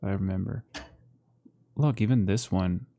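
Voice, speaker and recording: A man co-hosting a casual chat, relaxed and laughing often, saying bro and dude. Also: low voice, a little slow. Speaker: podcast co-host. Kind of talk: casual chat while browsing a map.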